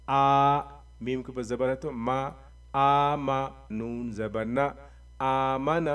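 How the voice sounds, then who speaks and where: A man teaching Quran reading, spelling out letters and vowel marks slowly and drawing them out, with quick explanations in between. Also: mid-range voice, recorded from a distance. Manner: slow drawn-out recitation of letters, quick asides. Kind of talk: spelling out syllables in a lesson.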